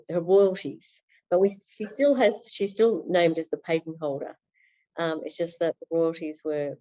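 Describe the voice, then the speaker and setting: A woman's voice: sits low, warm tone, highs cut off. A woman talking earnestly as a podcast guest in a flowing interview, with many fillers. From Australia. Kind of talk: interview conversation.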